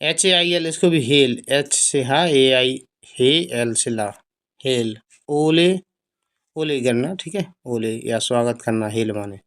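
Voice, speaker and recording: A man with a Hindi accent gives a phonics lesson at a very slow pace. He spells each word out letter by letter and repeats it patiently with its meaning. His voice sits at an ordinary middle pitch. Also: fairly bright tone. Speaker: English teacher.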